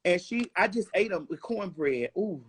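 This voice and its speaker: A woman's voice: lowish voice, expressive, normal speed, slightly rough. A woman in her forties giving an interview in a blunt, emphatic, profane way. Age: 40s. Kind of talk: casual interview chat.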